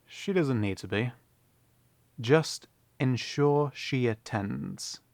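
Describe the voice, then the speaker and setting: A man's voice: medium pitch, slow, creaky, a little mellow, dry recording. An actor playing a young prince who fears his father, laughing nervously and then giving firm orders in a fantasy audio drama. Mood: commanding. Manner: nervous laughing, turns commanding.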